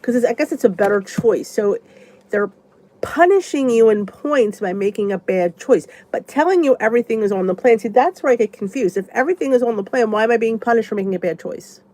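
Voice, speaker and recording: A woman's voice: on the high side, expressive, brisk, warm tone, low-quality recording. A congested woman vlogger with a stuffy nose, rambling chattily as she answers viewer comments in a casual live chat. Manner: chatty and rambling, thinks aloud.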